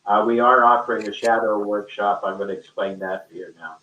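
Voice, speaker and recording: With a fairly low, sharp-toned voice and fairly even intonation, this man talks fairly quickly and off the cuff. As a teacher in an online discussion he rambles colloquially and with emphasis, over muffled, echoey call audio from a far-off mic.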